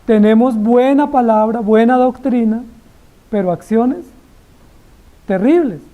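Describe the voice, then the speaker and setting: A woman's voice: fairly high pitch, slow, warm tone, poor audio. A woman preaching an expository sermon, dramatically acting out biblical dialogue and firing rhetorical questions at the congregation.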